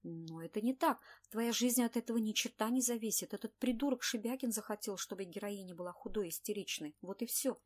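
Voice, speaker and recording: A woman voicing a brisk young makeup artist who scolds her sick friend, in an audiobook reading. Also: medium pitch, natural voice. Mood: indignant.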